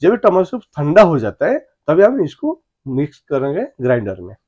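Husky, lively-voiced man explaining a recipe. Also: fairly high pitch, normal speed. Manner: chatty, repetitive, addresses viewers as friends. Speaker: cooking channel chef. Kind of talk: cooking tutorial narration.

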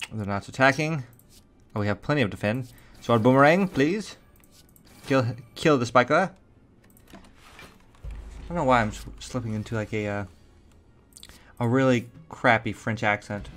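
A man's voice: on the low side, fairly bright tone. Chatty man narrating his gameplay. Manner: chatty, thinks aloud while playing. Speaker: gaming channel host. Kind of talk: casual gameplay commentary.

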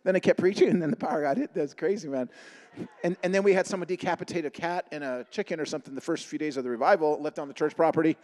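A middle-aged man preaching with high-pitched, rapid energy. He tells his stories in an animated way and acts out the dialogue. His voice rings out in a long hall reverb. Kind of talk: humorous sermon with stories.

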